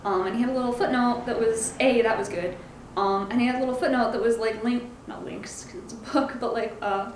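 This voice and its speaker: A woman's voice: fairly high pitch, a little fast, hardly any pauses. A woman giving a casual review in a hesitant way, groping for words and correcting herself as she goes. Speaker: comic book reviewer. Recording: echoey room, faint background noise.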